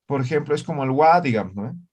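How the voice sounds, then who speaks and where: A man leading a virtual language class, walking students through grammar points one by one. He talks in a plain, middle-pitched voice. He checks in often with short questions to make sure everyone follows. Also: lively intonation, quick pace, darkish tone. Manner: explanatory, checks understanding with frequent "¿ya?" and "¿no ve?". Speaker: Aymara language teacher. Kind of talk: online class lecture.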